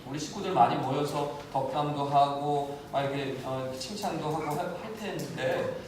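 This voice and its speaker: A male pastor preaching an animated sermon, acting out the voices of the people and of God, recorded from a distance in a church. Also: on the high side, moderate pace. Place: church sanctuary. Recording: very echoey church hall, mic from a distance, faint noise.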